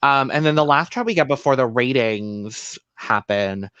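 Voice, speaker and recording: A man's voice: medium pitch, moderate pace, bright, forceful tone, clear, resonant tone, dry recording, dull audio. A man co-hosting a casual podcast, recapping a show and slipping into playful voices for quotes. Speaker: podcast co-host.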